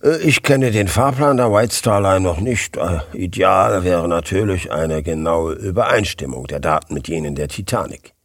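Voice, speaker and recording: A man voicing a composed, deliberate male detective in an audiobook. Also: no room sound. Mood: calm. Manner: composed, deliberate, lower-pitched. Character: calm, measured male detective. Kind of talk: audiobook character voice.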